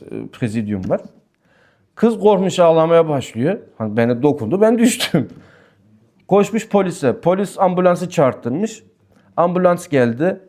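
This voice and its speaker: A man, a Sufi sheikh, giving a weekly religious talk that mixes personal stories with explanations of passages he reads aloud. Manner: lively storytelling, pitch rising and falling sharply. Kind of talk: religious talk with personal anecdotes and text commentary.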